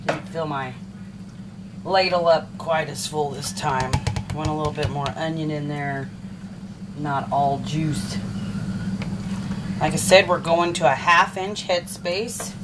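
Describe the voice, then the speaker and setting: A woman with a low voice walks through home canning in her kitchen, chatting casually and thinking aloud as she goes. The home video has a steady, clearly audible background noise. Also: slow pace, pauses often. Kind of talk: casual step-by-step cooking demonstration.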